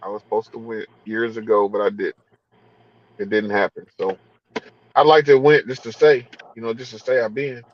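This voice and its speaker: A man's voice: fairly low pitch, steady tone, normal speed, lo-fi sound. A man hosting a casual car chat, laid-back and drawn out, repeating his phrases. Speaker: host.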